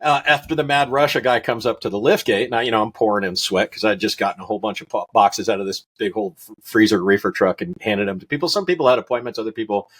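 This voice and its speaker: A middle-aged man from Wyoming, a rancher, chatting in an interview and telling animated stories, acting out the voices of people in his anecdotes and laughing often. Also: fairly low pitch, fast, hardly any pauses, husky. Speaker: rancher guest. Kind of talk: casual interview storytelling.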